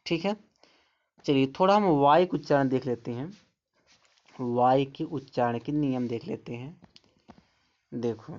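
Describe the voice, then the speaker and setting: A man's voice: mid-range voice, darkish tone. A man teaching an English phonics lesson in a mid-range voice. He sounds out and repeats each word patiently before explaining it. The recording is a little dull and lo-fi.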